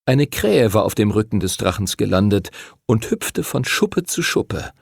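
A man reading a children's fantasy novel aloud as an expressive audiobook narrator. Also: lowish voice, measured pace, gravelly, slightly rough, no room sound, clean studio sound. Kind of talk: scripted narration.

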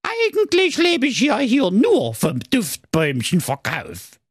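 A man's voice: very high-pitched, wildly swooping pitch, takes it slowly, slightly rough, dry recording, studio quality, voice pushed up, full character voice. A man voicing a grumpy, sly, evil male dwarf in a comic fairy tale, with a grumbling manner.

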